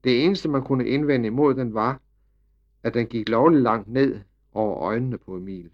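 A man narrating a children's storybook with lively, expressive storytelling. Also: medium pitch. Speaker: audiobook narrator. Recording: slightly dull recording.

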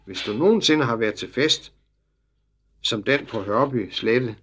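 A man reading a children's story aloud as narrator, in lively storytelling that drops low for the speech tags. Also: a little hiss or hum. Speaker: audiobook narrator.

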